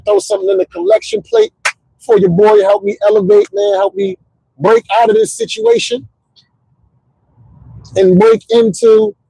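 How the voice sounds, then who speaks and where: A middle-aged man with a high-pitched, gravelly, husky voice hosts a casual livestream. He rambles with animated, motivational energy, repeating himself and saying "you know what I'm saying," over a rough recording with no room sound.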